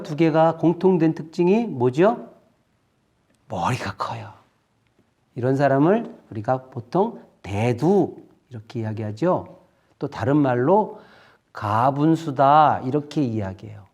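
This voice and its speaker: Slow, animated man preaching to children. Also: a little high. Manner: slow, expressive storytelling addressing children as friends. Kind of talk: children's sermon.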